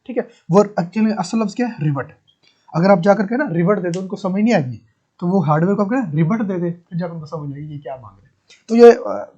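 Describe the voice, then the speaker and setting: A physics teacher gives a lesson, explaining patiently and asking his students questions. His voice is husky and mellow, a little higher than most men's. The recording sounds dull and muffled. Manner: explains step by step, repeats key terms and asks rhetorical questions. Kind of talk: classroom lecture.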